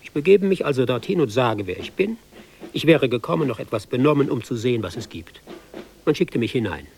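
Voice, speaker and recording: A man's voice: medium pitch, sing-song, a little fast, vocal fry, a little mellow, a little hiss or hum. An actor playing a hapless young army recruit, reciting his tale in ironic, sing-song rhyme for a radio play. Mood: sardonic.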